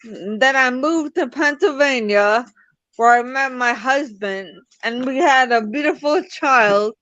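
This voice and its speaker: Young woman from the US, interview guest, halting delivery, dry lo-fi video-call sound. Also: sits high, fairly bright tone, no echo. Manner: halting, many restarts and fillers. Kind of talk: personal story in an interview. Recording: dull lo-fi call audio.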